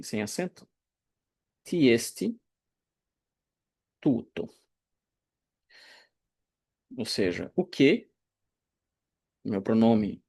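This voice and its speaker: A man teaching Greek grammar in a recorded online lecture, explaining slowly and deliberately, pausing and correcting himself as he goes. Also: mid-range voice. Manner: slow, deliberate explaining with pauses and self-corrections.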